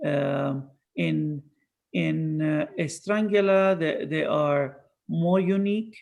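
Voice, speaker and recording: A man moderates an online Q&A and walks the group through technical points. His pitch sits a little high, and his delivery is measured and careful. He often restarts a phrase mid-thought. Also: gravelly, darkish tone. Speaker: moderator and project lead.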